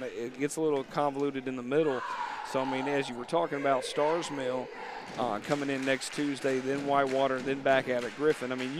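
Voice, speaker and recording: A man calling a local high school basketball game in a rambling, chatty way with many restarts. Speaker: play-by-play commentator. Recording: noisy gym ambience.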